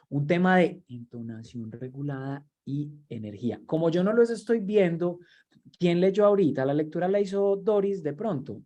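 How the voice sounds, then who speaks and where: A man's voice: on the high side, a little mellow. Man in his thirties lecturing. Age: 30s. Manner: conversational, repeats words while searching for them. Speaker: university lecturer and workshop trainer. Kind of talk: online training lecture.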